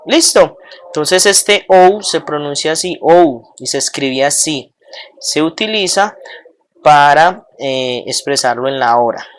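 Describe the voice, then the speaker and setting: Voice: mid-range voice, expressive, a little slow. An English teacher giving a recorded bilingual pronunciation lesson, drilling words aloud and checking in with the class often.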